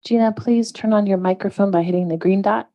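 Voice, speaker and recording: A woman's voice: mid-range voice, steady tone, fairly quick, dark tone, dull audio. A woman clerk politely calling testifiers and swearing them in at a public hearing. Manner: polite, procedural. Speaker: commission clerk. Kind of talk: procedural meeting announcements.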